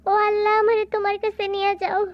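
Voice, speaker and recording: A woman's voice: high-pitched, brisk, muffled recording, faint music behind, close to an everyday voice. A woman voicing an exasperated young wife who answers with weary, snapping retorts, in a storybook reading. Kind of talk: storybook reading with voiced characters.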